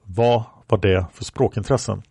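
A man reading aloud a police interrogator's short, measured questions from a record. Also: on the low side, fairly even intonation, vocal fry, mellow, husky, no room sound, studio quality. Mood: questioning.

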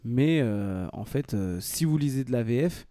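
A man's voice: mid-range voice, expressive, a little slow, mellow, no echo, studio quality. A man co-hosting a casual podcast chat, rambling with many fillers and restarts. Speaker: podcast co-host.

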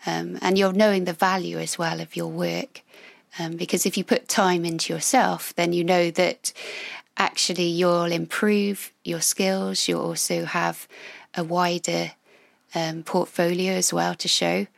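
A woman with a gravelly voice chatting casually and reflectively as a friendly podcast co-host. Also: fairly low pitch, little pitch movement, unhurried, no room sound, studio quality.

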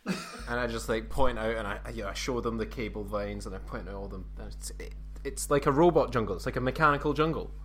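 A man's voice: mid-range voice, a little fast, a bit bright, slight background noise. A man playing a tabletop game, hesitantly describing what his character does. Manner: hesitant, lots of "like". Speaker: tabletop player.

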